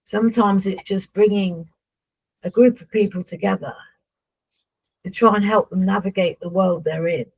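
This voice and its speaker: A woman speaking as a seance medium in trance, voicing a solemn, instructive spirit guide who addresses humans, with a husky voice. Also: medium pitch, steady tone, normal speed, long pauses, a little mellow, low-quality recording.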